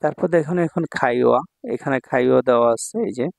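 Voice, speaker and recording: A man teaching Japanese vocabulary in Bengali, explaining slowly and repeating phrases for practice. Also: medium pitch, creaky, a little mellow, no room sound.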